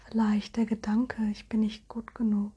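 A woman guiding a relaxation hypnosis in a soft, soothing, airy spa whisper with gentle suggestions. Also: on the high side, monotone, moderate pace, slightly rough. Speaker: hypnosis guide.

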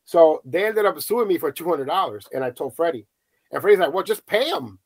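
A middle-aged man from the United States, a podcast host telling a story casually on a panel and acting out the quoted voices with lively swings. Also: brisk, slightly rough, no echo. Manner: animated storyteller, acts out quotes with high excited voices.

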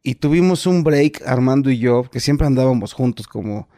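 A man in his forties with a Mexican accent, an actor telling stories in a relaxed interview, full of fillers and repeats. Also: medium pitch, moderate pace, no echo, clean studio sound. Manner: colloquial, many fillers and repeats. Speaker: actor guest. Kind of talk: casual interview storytelling.

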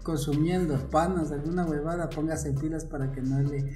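A man's voice: a little high, little pitch movement, normal speed, mellow. A young man with an Ecuadorian Spanish accent telling slangy, laughing anecdotes in a casual podcast chat. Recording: roomy echo with background music.

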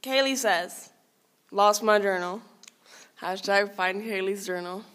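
A young woman co-hosting a casual podcast chat, joking in a sarcastic, deadpan way. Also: medium pitch, takes it slowly. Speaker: podcast co-host.

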